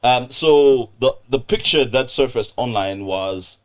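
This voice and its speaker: A man's voice: medium pitch, a little slow. A man from Zambia, hosting a podcast and steering the topics in a playful, teasing way. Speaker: podcast host. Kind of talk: casual chat.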